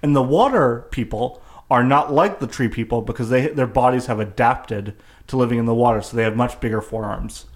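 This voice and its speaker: Animated, storytelling podcast guy. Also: mid-range voice, brisk. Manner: animated storytelling, acts out characters' lines, swears. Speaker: podcast co-host recapping a film. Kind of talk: casual comedic chat.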